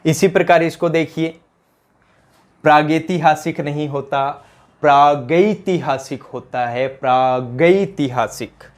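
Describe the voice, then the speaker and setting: A man's slightly high, steady voice, a little slow, carries a Rajasthani accent as he teaches grammar for exam preparation. Drilling answers by re-asking questions, he addresses his students as companions.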